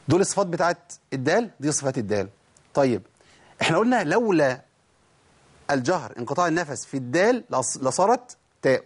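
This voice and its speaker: A man's voice: fairly high pitch, breathy edge. A man with an Egyptian accent teaching Quran recitation rules, asking questions and answering them himself. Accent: Egyptian Arabic. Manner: explains rules, asks and answers his own questions. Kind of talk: tajweed lesson.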